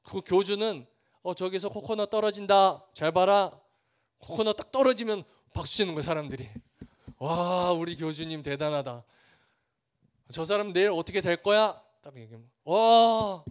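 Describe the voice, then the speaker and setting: A Korean man preaching as a missionary, his voice set high for a man. He speaks earnestly, builds through repeated phrases, and slips into the voices of the villagers in his stories. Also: moderate pace, clean tone. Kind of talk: sermon with storytelling.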